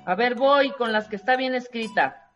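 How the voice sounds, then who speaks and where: A woman's voice: a little high, normal speed, muffled recording, faint music behind. A woman co-hosting a casual chat, offering simple helpful tricks.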